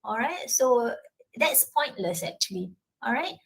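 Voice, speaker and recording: On a poor-quality recording, a female university lecturer with a Malaysian English accent responds to audience questions during a talk. Her fairly high voice is animated and measured, with a creaky, breathy edge. She keeps checking comprehension with frequent tag questions such as "yeah?" and "all right?".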